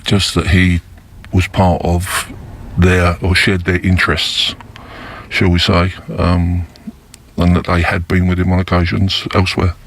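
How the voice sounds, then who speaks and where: An older man's voice, disguised and pushed very low, gives an interview for a news report. It stays dull and level, barely rising or falling. He talks slowly, pausing and filling gaps as he recalls events. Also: monotone, fairly bright tone. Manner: slow, halting, with many fillers. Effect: disguised voice, pitched down deep. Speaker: former undercover police officer.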